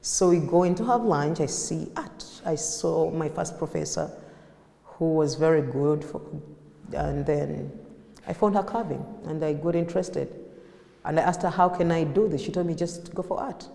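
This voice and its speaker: A woman in her thirties with a Ugandan accent, an artist recalling her life story in a reflective, unscripted interview, pausing and restarting often. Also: low-pitched, gravelly, mellow. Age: 30s. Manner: reflective, with frequent fillers and restarts. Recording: echoey room with long reverb.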